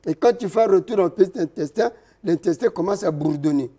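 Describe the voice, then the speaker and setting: A man, a traditional healer interviewed as a guest, explaining slowly and step by step with hesitations. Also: sits high, expressive, warm tone, husky. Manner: slow, didactic, explaining step by step with many hesitations.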